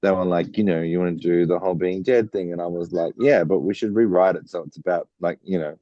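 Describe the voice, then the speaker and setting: A man with a bass baritone voice, chatting as a podcast guest and telling stories with lots of fillers. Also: fast, no echo, highs cut off. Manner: chatty, storytelling with many fillers. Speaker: guest songwriter. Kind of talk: casual interview chat.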